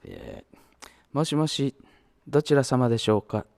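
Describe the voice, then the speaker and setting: An older Japanese man, a native speaker serving as minister, tells anecdotes in a sermon and switches between Japanese and English. His medium-pitched, slightly mellow voice has huge pitch swings and vocal fry, and he takes his time.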